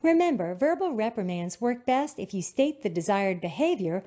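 A woman narrates a teacher-training video in a calm, instructive voice. Her intonation moves a lot, and her tone is mellow. The recording sounds dull and lo-fi. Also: medium pitch, moderate pace. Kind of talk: scripted narration.

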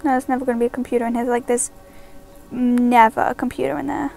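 A woman giving casual gameplay commentary, mostly hushed and nervous, bursting loud when excited. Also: a little high, quick pace, gravelly, faint music behind. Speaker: gaming YouTuber.

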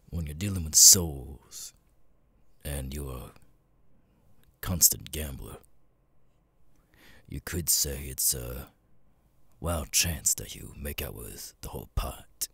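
A gruff, world-weary cat demon bartender, played by a man, speaks in an extremely low and very husky voice. He mutters with hesitant pauses, jaded like an old gambler. It is an ASMR roleplay, recorded close and very dry. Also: sharp tone, no echo, heavily acted. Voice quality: deep, raspy, gravelly.

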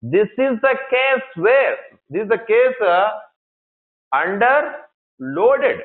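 A male engineering lecturer with an Indian English accent leads a classroom lesson in a fairly high voice. He keeps repeating key phrases and asks the class questions that he then answers himself. The recording sounds thin and tinny, like a phone line. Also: big pitch swings, slow pace.

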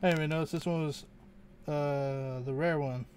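A man's voice: fairly high pitch, fairly even intonation, normal speed, darkish tone, a little hiss or hum. A man hosting a casual unboxing video, rambling and muttering to himself, often unsure how to say things. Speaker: channel host opening card packs.

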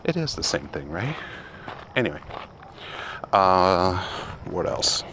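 A man with a deep, low voice talks slowly and haltingly, restarting his sentences as he rambles through a casual walk-and-talk vlog. He is outdoors, and steady background noise sits under his voice. The delivery is unhurried and unpolished. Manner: turns into quiet prayer. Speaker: vlogger and hobby game developer. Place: outdoors at dusk, walking.

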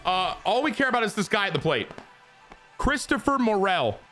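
A young man giving excited commentary over his own baseball video game, muttering one moment and shouting the next. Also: high-pitched, fast talker, soft background music. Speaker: gaming YouTuber. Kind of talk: live gameplay commentary.

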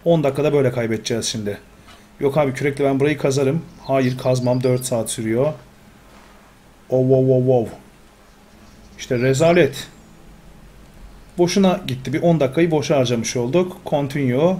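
A man's voice: medium pitch, normal speed, pauses often. A man commentating his own gameplay, talking to himself and getting exasperated. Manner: talks to himself, excitable, exasperated. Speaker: gamer. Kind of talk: Let's Play commentary.

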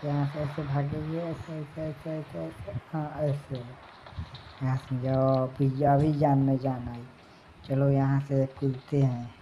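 A man's voice: mid-range voice, level tone, takes it slowly, warm tone. A man giving casual commentary while playing a mobile game, urging his teammates along and humming snatches of songs. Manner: urges teammates, hums song snatches. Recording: dull lo-fi mic with faint noise.

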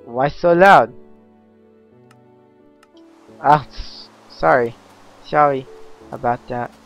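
A man giving casual let's-play commentary, chatty and easily excited, yelping and laughing at mishaps. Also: mid-range voice, drawn-out words, creaky, muffled recording, soft background music. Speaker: gaming commentator.

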